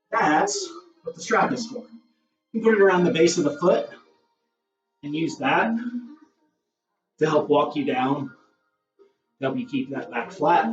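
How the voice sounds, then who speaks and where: Yoga teacher, male, somewhat high voice, calm encouraging cues, far from the mic in a roomy space. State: out of breath. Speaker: yoga instructor. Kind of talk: guided yoga class instruction. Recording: roomy, distant, dull camera audio with faint music.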